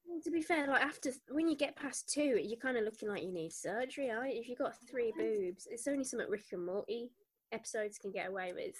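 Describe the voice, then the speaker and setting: A woman chats on a casual podcast with her cousin, playful and teasing. Her voice sits a little high, and she keeps the banter light. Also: animated, fast talker, breathy edge. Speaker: podcast co-host. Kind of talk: casual chat.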